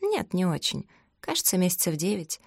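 A woman reading as a calm, unflappable secretary. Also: on the low side, normal speed, vocal fry, dry recording, studio quality, full character voice. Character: calm, reserved female secretary.

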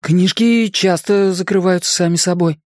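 A frightened, nervous schoolboy, as an audiobook narrator puts him on, pitched well above a grown man's voice. He sounds jittery and keeps jumping into shrill, panicked cries. The recording is close and completely dry. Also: fairly even intonation, normal speed, dry recording, lightly acted. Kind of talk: audiobook character voice.

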